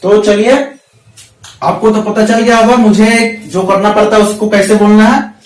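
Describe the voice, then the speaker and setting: A man with a high voice teaches a spoken English lesson, drilling short phrases over and over and slowing right down on the example sentences. He sits back from the mic in an echoey room. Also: fairly even intonation, far from the mic. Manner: repetitive drilling, slow deliberate example sentences.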